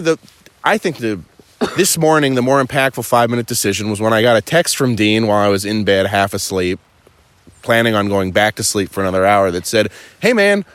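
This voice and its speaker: A man speaks as a podcast guest and tells cheerful stories. His voice sits a bit low, and the sound is dry and close. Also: smooth, no echo. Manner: upbeat, laughing, storytelling. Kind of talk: casual podcast chat. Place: at a home property in California.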